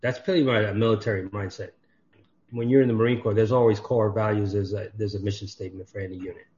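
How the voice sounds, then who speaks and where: On a podcast, a male guest with a lowish voice talks quickly, chatting casually and animatedly acting out the dialogue in his stories. The audio is dull and lo-fi.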